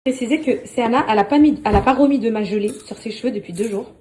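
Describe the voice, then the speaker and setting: A woman vlogging casually on her phone at home, chatty and excitable, talking straight to her followers and laughing often. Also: on the high side, quick pace, noisy background. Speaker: lifestyle vlogger. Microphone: phone held at arm's length.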